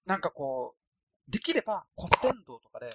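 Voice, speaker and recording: A man's voice: on the high side, very animated, fairly quick, fairly bright tone, lo-fi sound, a little hiss or hum. A man from Osaka rambling casually through a solo podcast, with a thin, light voice and a self-deprecating manner. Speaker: podcast host. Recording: dry, no added echo.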